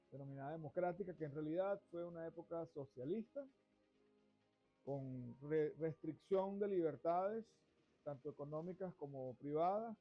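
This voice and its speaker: A middle-aged man from Venezuela hosting a finance show, talking at length in a discursive way that restarts phrases. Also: a little high. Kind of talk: monologue to camera. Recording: dull lo-fi sound with faint music.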